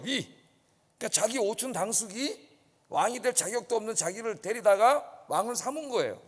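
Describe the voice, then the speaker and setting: A male pastor preaches a sermon with a high, animated voice that rises and falls widely. He keeps checking in with the congregation by asking "yes?". A long reverb from the church sanctuary trails behind his words.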